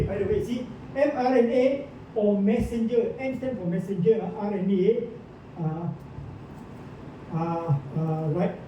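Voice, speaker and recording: Man quizzing a room, echoey and distant. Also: warm tone. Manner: keeps quizzing listeners with questions, many "ah" and "uh" fillers. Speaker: presenter. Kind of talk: informal lecture to a small group. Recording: echoey room, distant mic, dull sound, rumbling noise.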